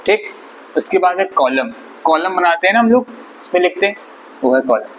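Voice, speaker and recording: A man with a slightly high voice gives an English pronunciation lesson. He explains patiently, repeating and spelling out each word. Faint background noise runs under the recording. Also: lively intonation, normal speed, fairly bright tone, rough recording. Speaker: English teacher. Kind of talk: spoken vocabulary lesson.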